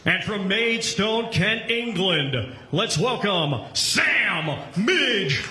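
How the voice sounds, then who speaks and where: A man announces boxing introductions in a high, bright, ringing voice. His delivery is slow and swings widely in pitch, with formal showman phrasing and drawn-out names. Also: sing-song, noisy background. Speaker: ring announcer and event host. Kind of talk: boxing ring announcer introductions to a live event.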